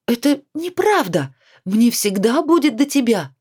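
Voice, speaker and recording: A woman's voice: on the high side, big pitch swings, measured pace, a little mellow, breathy edge, pitched above the performer's own voice, heavily acted. A woman reading a storybook voices an adult woman who scolds and then coaxes her friend. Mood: soothing.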